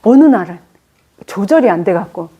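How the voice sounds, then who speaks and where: A woman teaching a class on fortune-telling in an informal lecture, telling lively stories with acted-out quotes and asking her students questions. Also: medium pitch, moderate pace, highs cut off, background noise. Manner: chatty, poses questions to the class. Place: lecture room.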